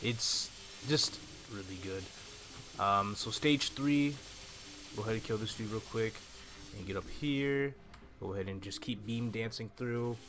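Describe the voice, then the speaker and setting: A man in his twenties offers measured, easygoing walkthrough commentary on a video game, explaining as he goes in a lowish, fairly bright voice. A gaming YouTuber, he sits close to a desktop mic on a stand while game music plays.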